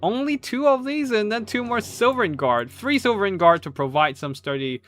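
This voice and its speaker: A man's voice: high-pitched, lively intonation, moderate pace, a bit bright, faint music behind. A man casually commentating strategy game tournament replays, rambling with many fillers and restarts and swearing now and then. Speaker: game caster.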